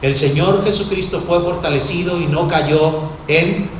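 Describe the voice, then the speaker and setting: A preacher delivers an impassioned sermon, dropping to hushed words and then rising to shouts. His voice is sharp, bright and slightly high. It rings through a very echoey church hall, with faint noise beneath it. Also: unhurried. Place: church sanctuary.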